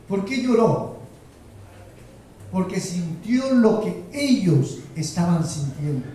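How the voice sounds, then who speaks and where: A male pastor delivering a slow, emphatic sermon and asking rhetorical questions of the congregation. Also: sits high, dark tone. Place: church sanctuary. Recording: roomy echo, heard from a distance.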